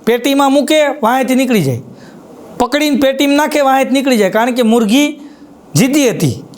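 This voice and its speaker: A man's voice: very high-pitched, a little fast. A man with a Kathiyawadi Gujarati accent telling folk jokes on stage, doing many quoted voices and repeating his punchlines. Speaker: folk comedian. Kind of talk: live stand-up joke telling.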